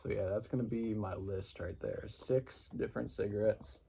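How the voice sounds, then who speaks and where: A man's voice: on the low side, fairly even intonation, moderate pace, vocal fry, mellow, breathy edge. A man talking casually to viewers in a rambling, laid-back, informal vlog style. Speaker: vlogger. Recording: some background noise.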